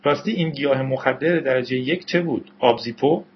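A man's voice: mid-range voice, a little hiss or hum, lightly acted. Naive young deputy read by a man, earnest, dutiful, muffled lo-fi sound. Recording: dull lo-fi recording.

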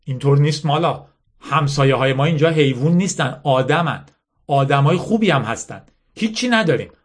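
Earnest young girl, gentle, hesitant, pleading, storybook reading, high-voiced man reading. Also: animated, slightly rough.

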